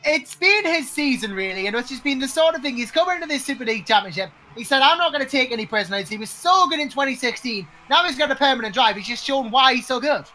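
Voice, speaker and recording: A man's voice: extremely high pitch, expressive, fast, few pauses, sharp tone. A man giving conversational live race commentary as a co-commentator, chatty and emphatic, repeating his points. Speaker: motor racing co-commentator.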